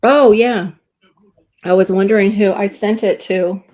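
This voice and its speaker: A woman hosting a relaxed kitchen chat stream, chatty and laughing often, talking to her viewers. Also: medium pitch, measured pace. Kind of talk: casual chat.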